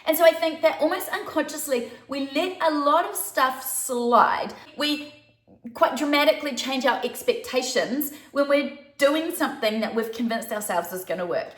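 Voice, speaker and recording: A baby sleep consultant with a New Zealand accent and a high voice gives chatty, casual advice straight to camera at normal speed. She laughs lightly as she talks, and the recording has a roomy echo.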